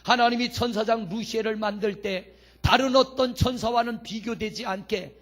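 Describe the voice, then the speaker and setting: A man's voice: sits high, fairly even intonation, normal speed, a bit bright. A man pastor preaching a sermon in a church. He asks the congregation questions, answers them himself, and reads scripture verses aloud. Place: church sanctuary.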